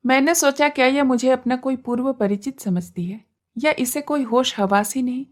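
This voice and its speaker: Woman reading a story out loud for a podcast, measured and expressive, a bit high. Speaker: story narrator. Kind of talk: scripted audiobook narration.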